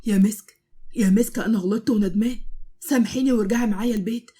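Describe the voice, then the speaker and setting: A woman with an Egyptian accent voicing a remorseful young husband who pleads softly and earnestly. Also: a little high, steady tone, rapid-fire, husky. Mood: pleading. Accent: Egyptian Arabic.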